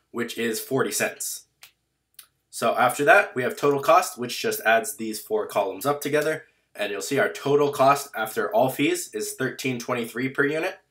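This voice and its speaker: Young male tutor, a bit hoarse, plain casual walkthrough, mid-pitched voice. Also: fairly bright tone. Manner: plain, matter-of-fact walkthrough with fillers. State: slightly hoarse. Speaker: online seller teaching a spreadsheet. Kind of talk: casual screen-share tutorial.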